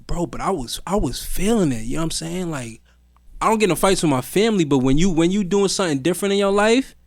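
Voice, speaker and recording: A man's voice: high voice, fast talker, no echo. Young man telling a story, dry sound. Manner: animated storytelling, loose slang. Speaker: podcast co-host. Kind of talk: casual chat.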